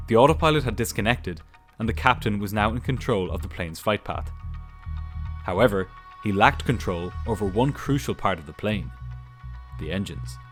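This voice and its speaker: A man giving scripted documentary narration in a measured, explanatory way. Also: fairly low pitch. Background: music.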